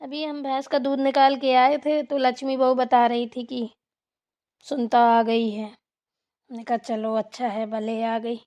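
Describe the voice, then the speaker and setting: A woman's voice: a little high, level tone, unhurried, darkish tone, muffled recording, natural voice. A woman voicing a middle-aged village mother-in-law who drawls and grumbles in a cartoon. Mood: friendly. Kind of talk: cartoon voice acting.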